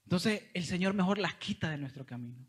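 A man's voice: sits high, fairly quick, husky. A young man from El Salvador with a Salvadoran Spanish accent, telling a testimony in a sermon and often calling listeners brother. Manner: animated storytelling, addresses listeners as brother. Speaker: preacher.

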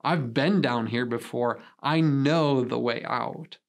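This is a calm, knowing friend, played by a man telling a sermon illustration. He speaks at an unhurried pace in an everyday voice. He sounds quietly confident. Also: mid-range voice. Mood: reassuring. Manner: calm, slow reassurance. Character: calm, steady male friend who knows the way.

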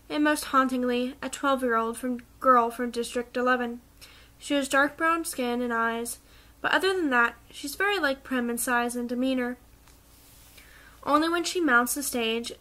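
A woman reading a novel aloud in steady, measured first-person narration. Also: high-pitched. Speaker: reader.

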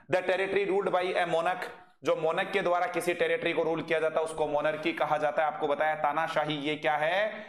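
A man teaching English vocabulary in a live online class. He drills his students with quick questions, reads their chat messages aloud, and pronounces English with an Indian accent. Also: on the high side, echoey room.

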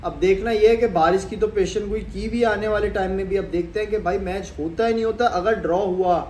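A young Pakistani cricket vlogger with a high-pitched, darkish voice talks fairly quickly in a steady tone. Sitting on a sofa in a small room at home, he chats casually about cricket to the camera, gesturing with his hands. The room echoes, with a faint hum in the background.

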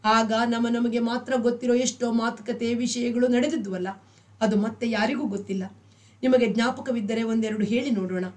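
A woman's voice: fairly high pitch, fairly even intonation, moderate pace, darkish tone, natural voice. A woman reading a novel aloud, voicing a shy young widow who speaks hesitantly and earnestly.

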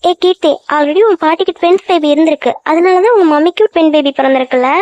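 A woman's voice: very high voice, fast talker, a little mellow, no room sound. A woman voicing all the village women and girls in a family cartoon, in chatty, emotional talk. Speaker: cartoon voice artist. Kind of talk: one voice for every cartoon figure. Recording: dull dry sound.

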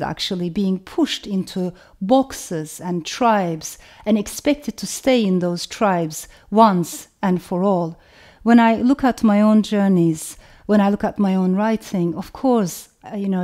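A middle-aged woman from Turkey, speaking with a Turkish accent in a warm, medium-pitched voice, reflects on where she comes from. A novelist hosting her own channel, she talks in a measured, thoughtful way, lists things in long chains, and reads a passage aloud.

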